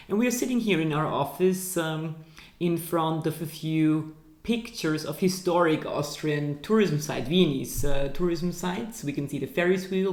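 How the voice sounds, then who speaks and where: A woman's voice: deep voice, darkish tone. Woman interviewer, friendly and careful, roomy echoey office sound. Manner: friendly, careful, with fillers and restarts. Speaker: program director, interviewer. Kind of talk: interview hosting. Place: university office.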